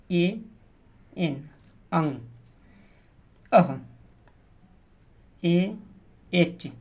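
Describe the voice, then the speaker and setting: A woman teacher, explaining spelling slowly, repeating words and sounding out letters. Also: lowish voice, mellow, lo-fi sound. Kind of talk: slow classroom explanation.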